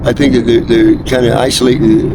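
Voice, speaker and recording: A middle-aged American man with a folksy country drawl, chatting casually in a rambling, halting, profane way. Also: level tone. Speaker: homeless interviewee. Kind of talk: casual street chat. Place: outdoors near railroad and traffic. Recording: noisy outdoor recording with traffic rumble.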